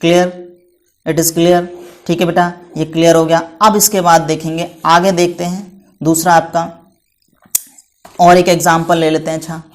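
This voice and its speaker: A man's voice: on the high side, flat delivery, normal speed, pauses often. A man teaching English to children in a patient classroom style, asking questions and answering them himself and spelling words out letter by letter. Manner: calls students "beta" affectionately.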